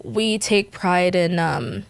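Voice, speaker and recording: A young Guyanese woman appears as a podcast guest, talking in a chatty, casual way full of fillers and frequent laughter. She speaks slowly in a lowish voice with vocal fry, and the recording has no room sound.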